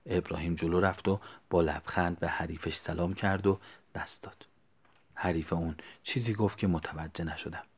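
Deep-voiced man telling a story quietly. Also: husky. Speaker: narrator. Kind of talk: storytelling narration.

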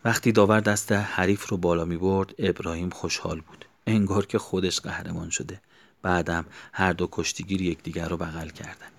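Brief: male storyteller, very low voice, hushed and near-whispered delivery. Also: vocal fry. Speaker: narrator. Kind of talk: storytelling narration.

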